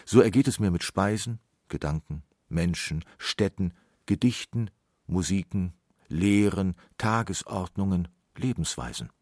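A man reading a philosophical text in a calm, reflective manner. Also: low voice, a little slow, no room sound, studio quality. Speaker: reader.

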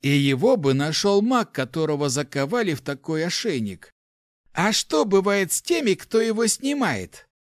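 A man's voice: sits high, sing-song, moderate pace, no room sound, studio quality, pitched above the performer's own voice. A man doing a snarling, bitter old mage. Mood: sarcastic. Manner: hoarse, snarling. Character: furious old male mage, bitter and spiteful. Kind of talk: audiobook character voice.

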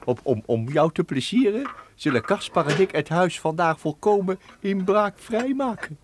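A man's voice: sits high, lively intonation, moderate pace, a little hiss or hum. An actor playing a jovial, bumbling inventor professor in a comic audio drama, coaxing and stammering over his words. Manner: stammering repetitions, coaxing, chuckling. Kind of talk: Dutch family audio comedy drama acting.

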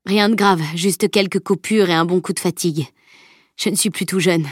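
Woman reading a calm, tired swordmaster. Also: on the low side, normal speed, slightly rough, dry recording, clean studio sound. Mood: reassuring. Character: weary, wounded male swordmaster.

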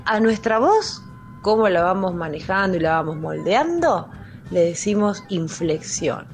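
Slow, patient Argentine woman teacher. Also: medium pitch, darkish tone, slight background noise. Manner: patient, explaining step by step with frequent fillers. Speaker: music teacher. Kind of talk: explanatory lesson on school radio.

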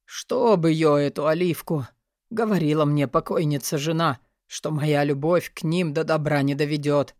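A woman's voice: low-pitched, moderate pace, a little mellow, dry recording, studio quality, pitched below the performer's own voice, close to an everyday voice. A woman voicing a blustering older military man who grumbles and wheezes. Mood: grumbling. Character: gruff older male major, blustering.

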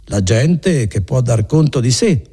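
A man voicing a nosy, sly innkeeper who speaks in insinuations, with a raised, raspy voice in an audiobook reading. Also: medium pitch, expressive, a little slow, dark tone, voice pushed up.

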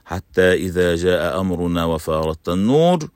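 A male sheikh hosts a religious radio lesson, telling stories of the prophets. He speaks in a measured, formal recitation with a somewhat low voice. The recording is dry and close. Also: very animated, darkish tone, clear, resonant tone, dry recording. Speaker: sheikh and radio program host.

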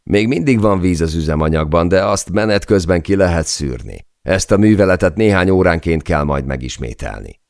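A man voicing a calm, practical engine mechanic in an audiobook, speaking matter-of-factly. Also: sits low, few pauses, no room sound, studio quality, pitched above the performer's own voice. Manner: matter-of-fact. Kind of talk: audiobook character voice.

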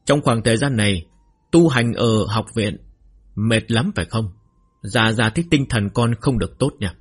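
A man voicing a stern old marquis, head of his house, speaking in a measured, probing way. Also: fairly low pitch, slightly rough.

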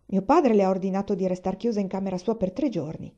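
A woman reading the lines of a nervous, easily flustered young man in an audiobook, speaking in a hurried, fretful way. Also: mid-range voice, warm tone, muffled recording, natural voice. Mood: matter-of-fact.

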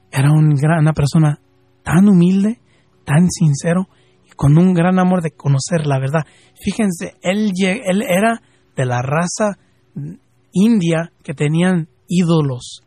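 Fervent Mexican man, husky voice. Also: fairly high pitch, darkish tone, no room sound. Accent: Mexican Spanish, from Jalisco. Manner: fervent, rising to emphatic questions, then slow and drawn out. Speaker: radio host.

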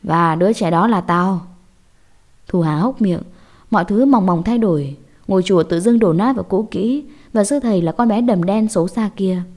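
A woman telling a scripted horror story in a measured, dramatic way. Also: mid-range voice, mellow.

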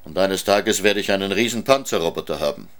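A man's voice: sits low, lively intonation, a little fast. A man reading a storybook aloud, voicing a lonely, stubborn orphaned boy who talks in an insistent, defiant way.

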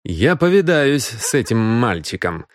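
A man's voice: medium pitch, sing-song, unhurried, no room sound. A man voicing a stern middle-aged detective who speaks in a dry, curt way.

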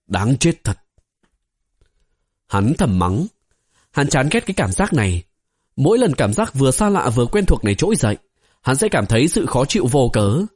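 A man narrating a fantasy novel as an audiobook, in a steady storytelling manner. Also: medium pitch, breathy edge. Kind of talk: scripted narration.

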